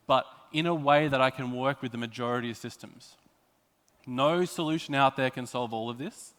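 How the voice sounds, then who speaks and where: A bright-toned man of medium pitch, Australian, presents prepared technical material at a conference, driving his explanations home with emphatic wording. The recording comes from an echoey hall with long reverb.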